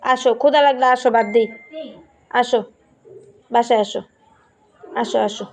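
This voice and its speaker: A woman talks to her pet outdoors at night. She coaxes softly and pleads, repeating the same gentle calls over and over. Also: a little high, steady tone, moderate pace. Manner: soft, pleading, repeats herself. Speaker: pet owner. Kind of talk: coaxing talk to a pet.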